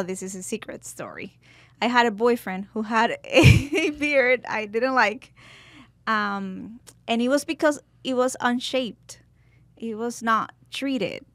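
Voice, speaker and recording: A Colombian-born woman in her twenties, a guest barber in a podcast interview, telling her story in a thoughtful, lightly halting way. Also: a little high, no room sound. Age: 20s. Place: podcast studio.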